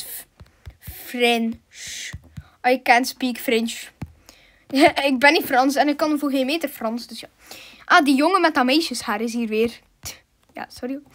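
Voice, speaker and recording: A woman doing chatty, giggly commentary as she plays a video game, mixing in English slang. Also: sits high. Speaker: gaming YouTuber.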